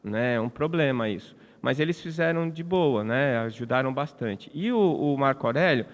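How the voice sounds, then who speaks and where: A man's voice: medium pitch, lively intonation, normal speed. A man with a Brazilian Portuguese accent giving a conversational spiritist lecture, often restarting and adding tag questions. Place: large congress hall. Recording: long hall reverb.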